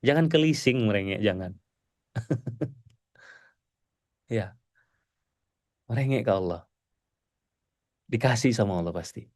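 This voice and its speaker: A male preacher giving a mosque sermon to a congregation, animated and pleading, swinging between loud exclamations and soft murmurs. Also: fairly low pitch, slow, long pauses, no echo, clean studio sound.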